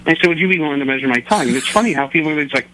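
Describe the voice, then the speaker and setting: A man's voice: on the high side, expressive, rapid-fire, pushed and bright, soft background music, rough recording. A middle-aged man telling rambling, joking, self-deprecating anecdotes as a radio interview guest. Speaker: interview guest, record holder.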